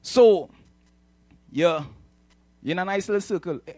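This Trinidadian preacher's high voice is a little mellow and unhurried, captured in a dry recording. On the stage of a church hall, handheld microphone in hand, he preaches with emphasis, repeats phrases and draws agreement from his listeners in a lively call-and-response.

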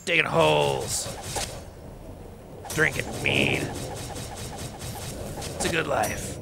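A gruff, raspy dwarf adventurer growls his lines in a rough, pirate-tinged drawl, as a man puts him on. The voice sits on the high side for a man. Loud game music plays behind it. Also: very slow, full character voice.

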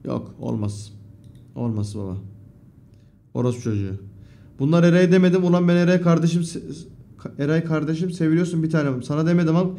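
A young man streaming live, casually reading out his viewers' messages, cursing freely and breaking into loud outbursts. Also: on the high side, a little fast, long pauses, slight background noise. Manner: profane, swearing often, loud outbursts.

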